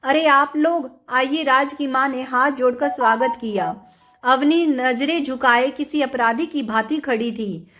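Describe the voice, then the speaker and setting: A woman narrating a moral family story in a steady, plain reading. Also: high voice, measured pace.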